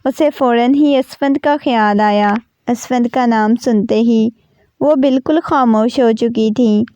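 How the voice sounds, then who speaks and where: A woman narrating a romance novel in a steady reading voice. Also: a little high, highs cut off. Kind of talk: storybook narration.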